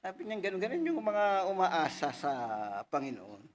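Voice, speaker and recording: A male pastor preaching a casual, conversational sermon, reading scripture slowly and louder and often asking the congregation "right?". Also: high-pitched, huge pitch swings, a little hiss or hum. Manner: frequent tag questions to the congregation.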